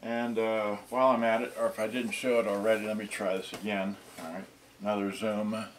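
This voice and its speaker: Speaking in a lowish, level voice, a vintage electronics unboxing vlogger in his sixties stumbles through a casual demonstration, muttering as he handles items. He's in a small indoor room near the camera, with slight background noise.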